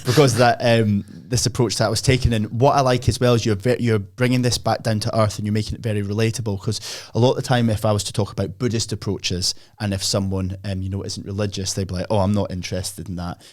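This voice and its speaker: A Scottish man hosting a podcast, with a fairly low voice and a brisk, quick way of talking. He keeps the conversation casual and laughs easily. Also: level tone. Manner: fast-talking, laughs often. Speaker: podcast host. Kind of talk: casual chat.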